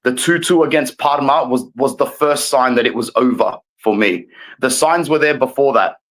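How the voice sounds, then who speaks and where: Man, guest fan, calm emphatic rant, lecturing tone. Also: mid-range voice, moderate pace, poor audio.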